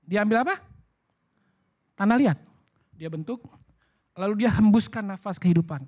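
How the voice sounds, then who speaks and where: A man preaching a sermon at a church service, in a lively, colloquial way that acts out bits of dialogue. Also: high voice, normal speed. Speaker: pastor.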